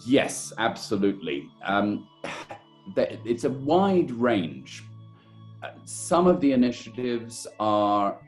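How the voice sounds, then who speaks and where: An older man being interviewed in a webinar, answering at a measured, thoughtful pace with frequent pauses and fillers. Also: mid-range voice, sing-song, soft background music. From born in Sri Lanka, raised in India. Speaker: guest, chamber committee head and organic estate director.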